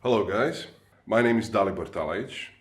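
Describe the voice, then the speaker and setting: A middle-aged man from Croatia, a comic artist speaking casually to camera from his studio, with halting speech and many fillers. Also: on the low side, expressive, roomy sound. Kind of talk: casual video message. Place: home studio.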